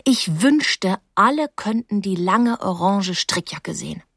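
A woman narrating a first-person novel as an audiobook, calm and wry. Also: medium pitch, slow pace, gravelly, no room sound, studio quality.

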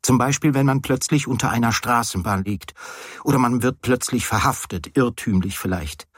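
A man reading a first-person novel aloud, with wry, hesitant storytelling and quietly voiced dialogue. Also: mid-range voice, moderate pace, slightly rough, no room sound, clean studio sound. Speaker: audiobook reader. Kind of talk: literary audiobook narration.

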